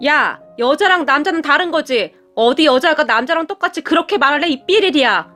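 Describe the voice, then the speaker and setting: A woman's voice: sits high, animated, fairly quick, sharp tone, faint music behind. A woman voicing a young husband who blusters and whines. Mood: indignant shouting. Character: blustering young husband, hotheaded then pleading.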